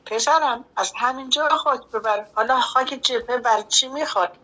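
A woman's voice: sits high, pushed and bright, voice pushed up. A woman voicing a kindly middle-aged male front commander, fatherly and emotional, on a dull lo-fi recording. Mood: gentle.

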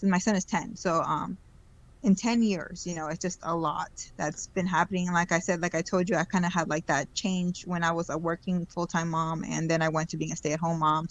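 A woman's voice: fairly low pitch, poor audio. A woman in her twenties, a podcast guest, speaking reflectively and hesitantly, with many ums and restarts. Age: 20s. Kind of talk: casual conversational interview.

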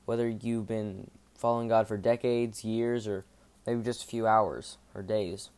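Monotone man with a low, mellow voice. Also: clean tone. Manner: informal, rambling, halting self-corrections. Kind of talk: casual devotional podcast talk.

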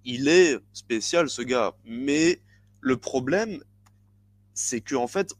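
A man co-hosting a podcast, chatting casually and haltingly with frequent restarts and fillers. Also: mid-range voice, lively intonation, dry recording. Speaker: podcast co-host. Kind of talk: casual chat about boxing.

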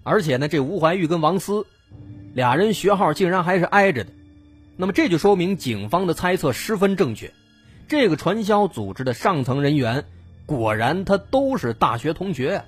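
A man's voice: on the high side, animated, normal speed, husky, soft background music. A man narrating true crime as a dramatic storyteller, building suspense with questions.

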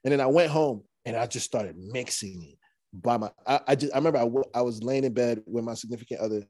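A young rapper appears as a guest in a casual storytelling interview, relaxed and rambling, with lots of fillers and restarts. His mid-range voice is fast, and the studio-quality recording has no room sound.

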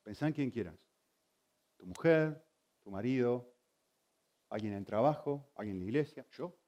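A man preaching a sermon, teaching in an animated way and asking the congregation many rhetorical questions. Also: mid-range voice, normal speed. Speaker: pastor.

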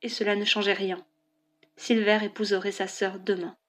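A woman narrating a novel as an audiobook in a clear, even storytelling delivery. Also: mid-range voice, moderate pace.

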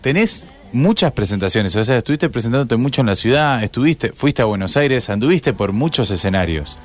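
A man's voice: medium pitch, expressive, brisk. An Argentine man hosting a live interview, chatty and joking. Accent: Argentine Spanish. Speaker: radio host.

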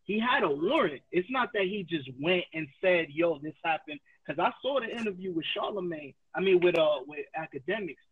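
A man's voice: sits high, expressive, fairly quick, hardly any pauses, breathy edge. A man co-hosting a casual podcast, talking emphatically as he reads out from documents. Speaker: podcast co-host. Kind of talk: casual chat. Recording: dry, phone-like thin sound.

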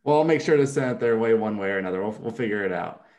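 A man hosting a podcast, asking short follow-up questions in a relaxed way. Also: fairly low pitch, rapid-fire. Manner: brief prompting questions. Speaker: podcast host. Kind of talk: casual interview.

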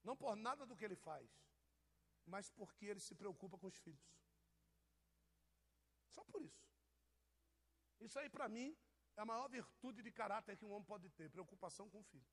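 Man, pastor, high voice, teasing, chatty sermon. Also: expressive, brisk, fairly bright tone, breathy edge. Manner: teasing, jokey, addresses people in the pews. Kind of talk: informal sermon to a congregation.

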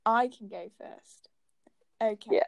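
A woman's voice: a little high, slow pace, creaky, no room sound. A woman hosting a casual podcast chat, playful and teasing, laughing often. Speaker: podcast host.

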